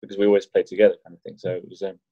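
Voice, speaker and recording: A man with a low voice tells stories in a loose, joking way, often restarting his sentences. The recording sounds muffled and dull, and it is very dry. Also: little pitch movement, very fast, mellow, dry recording. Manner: rambling, many restarts, jokey. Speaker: wheelchair rugby league player, podcast guest. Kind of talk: casual chat.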